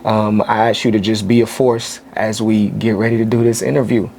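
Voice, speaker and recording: A man's voice: on the low side, little pitch movement, gravelly, a little mellow, slight background noise. Thoughtful thirty-something male guest. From Kansas City, US. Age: 30s. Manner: thoughtful, pauses with "uh" and "um". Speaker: podcast guest, actor. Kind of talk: relaxed interview talk.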